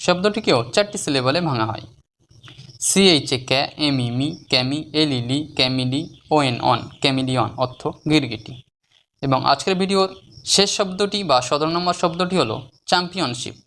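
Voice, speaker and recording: A patient teacher runs a spelling lesson, sounding words out letter by letter and then syllable by syllable. The voice has a middling pitch and rises noticeably whenever a new word is announced. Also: animated, a bit bright, a little hiss or hum. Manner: slow and deliberate when sounding out syllables. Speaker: English teacher.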